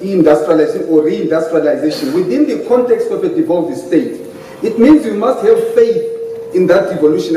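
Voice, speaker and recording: A middle-aged Zimbabwean man with a high, mellow voice delivers an impassioned, emphatic debate speech as a party panelist, switching between English and Ndebele. He's in a hotel conference hall, and the distant mic picks up heavy echo and faint noise.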